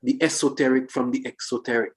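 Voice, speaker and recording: A man reasoning philosophically in a discussion, speaking deliberately phrase by phrase and posing questions. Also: medium pitch, steady tone.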